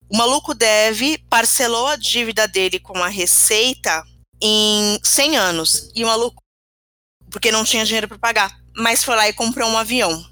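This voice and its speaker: A woman's voice: mid-range voice, sharp tone, no room sound. Emphatic woman, dry close sound. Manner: emphatic, opinionated, sarcastic. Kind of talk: casual chat.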